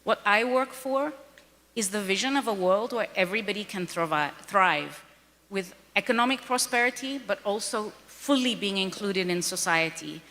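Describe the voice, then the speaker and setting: In a mid-range, fairly bright voice at a moderate pace, she earnestly presses her points during a panel speech, returning to them for emphasis. She is a foundation president from Kenya, recorded in a large hall with a long reverb.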